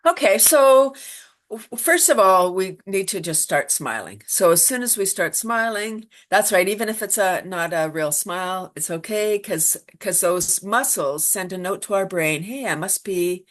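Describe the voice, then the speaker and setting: A woman teaching laughter yoga in an interview, animated and quick to laugh, acting out little voices as she explains. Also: medium pitch. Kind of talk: enthusiastic interview talk.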